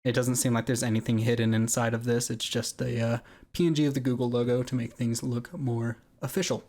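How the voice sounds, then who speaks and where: A man's voice: medium pitch, flat delivery, fairly quick, warm tone. Man, casual explanatory commentary, conversational phrasing, video creator walkthrough. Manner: conversational, explanatory, often checking with "right?". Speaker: video creator walking through an account hack. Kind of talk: casual screen-recording commentary.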